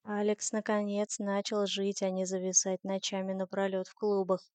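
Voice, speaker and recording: A woman voicing a young man who is teasing and gentle toward his partner. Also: medium pitch, completely flat delivery, normal speed, smooth, dry recording, lightly acted. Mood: tender.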